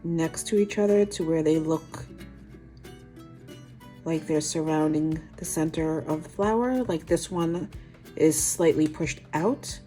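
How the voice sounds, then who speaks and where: A woman's voice: low voice, slow pace, dark tone, faint music behind. A woman with a New York accent hosting a nail art tutorial, talking through each step with chatty, self-deprecating asides.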